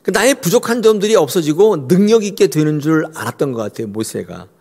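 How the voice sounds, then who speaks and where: A man's voice: a little high, sing-song, quick pace, darkish tone, slightly rough. A male pastor preaching a sermon expressively and addressing the congregation directly. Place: church. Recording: long church hall reverb.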